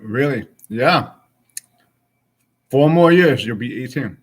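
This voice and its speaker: A man's voice: medium pitch, expressive, takes it slowly, slightly rough. Rambling man in his forties. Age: 40s. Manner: rambling, conversational, frank. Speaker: streamer. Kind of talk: casual chat with viewers.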